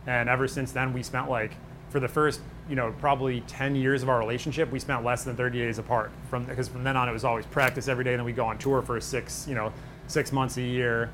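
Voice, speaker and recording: A man's voice: mid-range voice, little pitch movement, fast. A man from the Buffalo area of New York, a restaurant owner, chatting casually and informally in an interview. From Buffalo area, New York, United States. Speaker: pizza restaurant owner and bartender. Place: on location at his restaurant. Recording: noisy location with background ambience.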